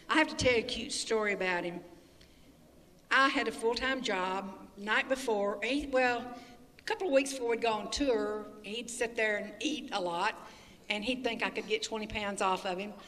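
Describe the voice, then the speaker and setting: An older woman, a guest being interviewed, tells chatty, folksy anecdotes and laughs as she goes. Her mid-range voice is pushed and bright at a moderate pace. It's recorded from far off in an echoey community building hall.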